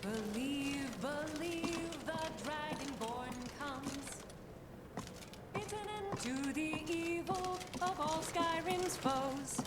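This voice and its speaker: A woman's voice: sits high, extremely slow. An actress playing a proud female bard who sings heroic folk ballads in a fantasy game. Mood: stirring. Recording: roomy, loud music accompaniment.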